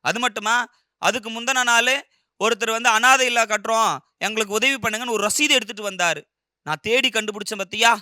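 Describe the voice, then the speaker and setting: A man's voice: high voice, brisk, bright, forceful tone, no room sound, studio quality, pitched above the performer's own voice. A man voicing a stern, suspicious middle-aged husband who scolds and insists in a storybook retelling. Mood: lecturing.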